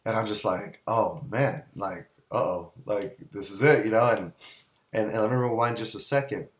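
Low voiced guy telling a messy funny story, lots of restarts. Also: normal speed. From Southern California. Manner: animated, rambling anecdotes with many restarts. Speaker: guest business owner. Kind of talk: casual storytelling.

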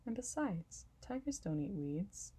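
A woman voicing an earnest young boy prince in an audiobook, speaking simply and gently. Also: medium pitch, big pitch swings, measured pace, husky, pitched above the performer's own voice. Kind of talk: audiobook reading.

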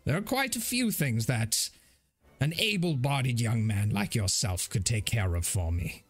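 A man voicing a hearty, generous old nobleman with a big booming laugh in a tabletop game. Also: lively intonation, a little slow, husky, soft background music. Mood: jovial.

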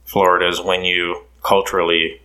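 A man in his thirties from Curaçao, a podcast guest telling his story in a relaxed way with many fillers. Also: deep voice, normal speed, poor audio. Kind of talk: casual interview.

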